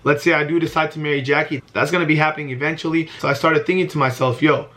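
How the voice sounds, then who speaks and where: A man's voice: fairly high pitch, fairly even intonation, fast, fairly bright tone. A man in his early twenties talking earnestly to camera in a heartfelt vlog, often repeating himself for emphasis. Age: 20s. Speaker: vlogger.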